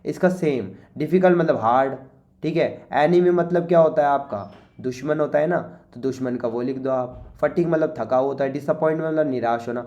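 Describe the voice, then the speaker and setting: A man with an Indian accent, teaching by walking through an exam paper in a chatty way, often saying "okay" and reading English lines slowly. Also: on the high side, a little mellow, highs cut off. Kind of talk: exam paper walkthrough lesson.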